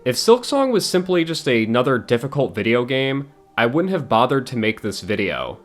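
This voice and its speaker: A man's voice: medium pitch, sing-song, moderate pace, faint music behind. A man giving a scripted, blunt and exasperated game critique as a video essayist, swearing now and then.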